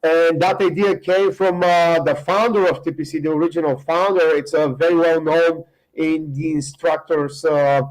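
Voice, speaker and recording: A middle-aged man with a Bulgarian accent, a guest in a casual podcast interview, speaking haltingly with many fillers and restarts. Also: a little high, fairly even intonation, rough recording. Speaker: guest, firearms instructor.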